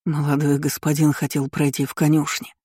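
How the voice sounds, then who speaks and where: A hurt young stable boy answers meekly in a hushed, soft voice, as a male narrator voices him. It sounds mellow and dark, recorded dry and close. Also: on the high side, completely flat delivery, a little fast, husky, no echo. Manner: soft, rustling, barely audible. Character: injured young stable hand, meek and quiet.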